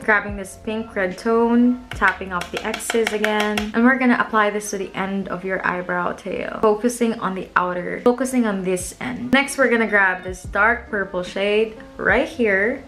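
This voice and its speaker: A woman's voice: mid-range voice, a bit bright. Chatty young woman giving a makeup tutorial. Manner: chatty, playful, talks to viewers while applying makeup. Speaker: makeup vlogger.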